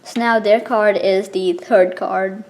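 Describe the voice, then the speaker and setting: A woman explaining something step by step in a casual, informal tutorial style, with halting pauses between steps. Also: mid-range voice, steady tone, a little mellow, poor audio. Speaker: card trick tutorial presenter.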